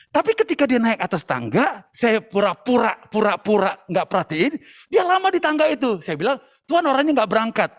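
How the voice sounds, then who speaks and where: A man preaching a passionate sermon to young people at an online church service, at times shouting and dropping English phrases into his talk. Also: high-pitched, big pitch swings, moderate pace. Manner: addresses listeners as brothers and sisters.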